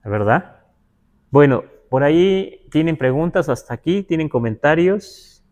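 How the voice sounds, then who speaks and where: With a fairly high, lively, slightly mellow voice on lo-fi audio, this Huasteca, Mexico native leads a Nahuatl lesson over livestream. He reads texts aloud, glosses each word slowly and explanatorily, and asks listeners "¿verdad?"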